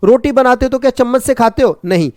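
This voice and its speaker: A man teaching an online exam-prep class, brisk and repetitive, teasing and jokingly scolding his students. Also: extremely high pitch, darkish tone, no room sound, clean studio sound.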